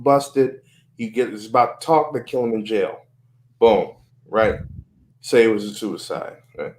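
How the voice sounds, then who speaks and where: A man's voice: mid-range voice, a little mellow. A man hosting a casual podcast chat, talking earnestly, repeating and restarting phrases and swearing freely.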